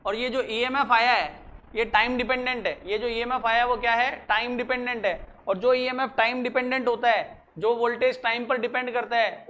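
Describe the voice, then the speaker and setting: Physics teacher dictating slowly. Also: mid-range voice, a bit bright. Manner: dictates slowly, repeats phrases, quizzes students. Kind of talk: classroom lecture mixing Hindi and English.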